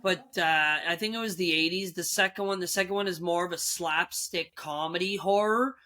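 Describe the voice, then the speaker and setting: A man in his thirties co-hosting a casual podcast, talking haltingly with many pauses and restarts. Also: high voice, sharp tone. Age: 30s. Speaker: podcast co-host. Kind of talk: casual horror movie chat.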